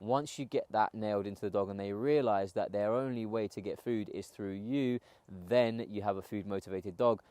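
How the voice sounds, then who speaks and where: A man working as a dog trainer, explaining his method to the camera in a calm, steady way and repeating the key points. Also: fairly low pitch, smooth. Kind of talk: instructional talk to camera.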